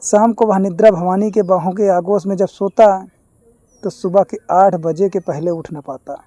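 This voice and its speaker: A storyteller reading a story aloud in a measured, formal way, with reflective asides. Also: medium pitch, dark tone, no echo. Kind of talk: scripted story narration.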